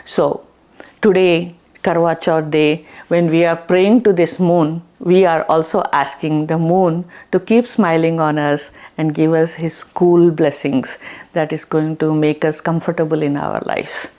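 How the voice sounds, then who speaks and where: A woman host telling a folk tale and explaining a ritual in a lively, conversational way. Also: low voice, a little slow. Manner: animated, conversational storyteller. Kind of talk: storytelling and religious ritual instruction.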